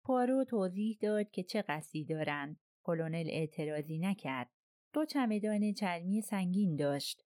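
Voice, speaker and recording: A woman narrating a crime novel in an audiobook with steady, even delivery. Her voice is on the low side, recorded dry and close with no room sound. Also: no echo.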